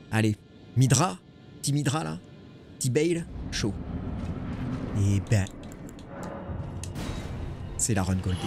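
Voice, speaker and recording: Excitable French man streaming a game. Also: lowish voice. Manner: excitable, swearing, joking with chat. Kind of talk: casual gaming stream commentary. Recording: music behind voice.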